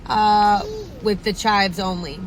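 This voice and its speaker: A woman's voice: mid-range voice, fairly even intonation, takes it slowly, low-quality recording. A woman vlogging casually from her car at a drive-thru, talking in a chatty, upbeat way with plenty of fillers. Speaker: vegan food vlogger and mom. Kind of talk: casual vlog chat.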